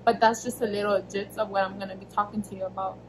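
A young woman from the United States talks casually into a camera set close in front of her in a small bedroom. Her delivery wanders, with frequent fillers and quick self-corrections as she answers viewer questions. A steady background noise sits clearly under the voice. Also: mid-range voice. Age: young adult. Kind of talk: casual Q&A vlog. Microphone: camera at arm's length, face framed close.

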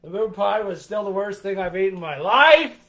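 A man co-hosting a casual snack taste-test chat, playful, with drawn-out exclamations. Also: high-pitched, animated, bright, forceful tone. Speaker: co-host.

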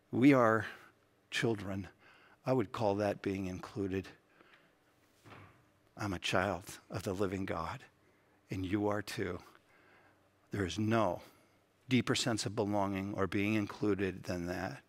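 A man preaching a sermon in a church, telling stories in an earnest, conversational way. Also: lowish voice. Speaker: pastor. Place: church sanctuary.

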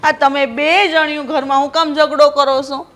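An actress playing a mother-in-law who scolds and tries to calm her two quarrelling daughters-in-law. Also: high voice, normal speed, soft background music. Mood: exasperated. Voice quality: scolding, exasperated. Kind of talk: village family drama acting.

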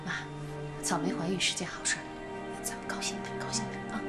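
A sharp sister-in-law. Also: female voice, high-pitched, very animated, brisk. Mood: soothing. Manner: scolding, exasperated. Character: impatient young sister-in-law, blunt and scolding. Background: background music.

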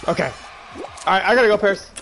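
A teenage boy streaming a video game live, excitable and yelling at the game, with game music behind him. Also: sits high, fast, noisy background. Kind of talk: live gaming stream commentary.

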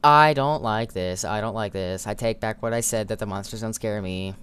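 A man's voice: on the low side, little pitch movement, brisk, clear, resonant tone. A man giving goofy, jokey commentary while playing a horror game. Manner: goofy, jokey self-talk. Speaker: let's play gamer.

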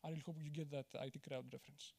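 Man, conference talk, high-pitched, lots of uh fillers, handheld mic in a big auditorium. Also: flat delivery, racing, a little mellow, slightly rough. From Greece. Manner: candid, self-deprecating, many "uh" fillers and restarts. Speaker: conference speaker. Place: large auditorium on stage.

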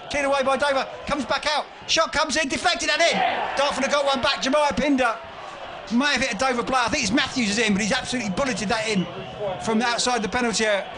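A man giving excited, often shouted live football commentary on the radio from a ground. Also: very high-pitched. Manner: excited, shouted calls of the action. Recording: noisy radio broadcast with crowd behind. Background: match crowd noise.

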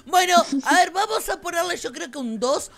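A woman with a Rioplatense Argentine accent giving excited gameplay commentary as a channel host, bubbly and quick to shriek and laugh. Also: very high voice, gravelly. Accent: Rioplatense Argentine Spanish.

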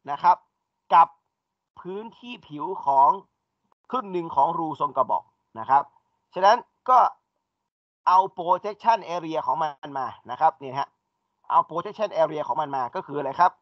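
A man's voice: on the high side, lively intonation, unhurried, long pauses, dry recording. A man teaching an engineering class, explaining step by step and asking his students questions. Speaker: engineering lecturer. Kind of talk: classroom lecture. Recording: dull dry lecture recording.

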